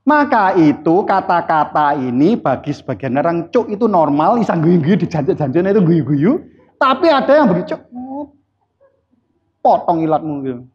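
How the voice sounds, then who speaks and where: A man's voice: on the high side, very animated, normal speed. A man giving a live motivational seminar, blunt and teasing, quizzing the audience with questions. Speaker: seminar speaker. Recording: dull lo-fi recording.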